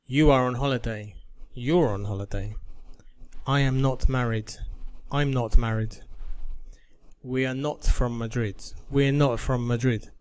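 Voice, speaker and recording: A man working through a beginner English lesson, reading each drill sentence slowly and deliberately. His pitch sits in an ordinary middle range. He paces himself for learners. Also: steady tone, darkish tone. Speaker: English teacher. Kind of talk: slow, careful lesson reading.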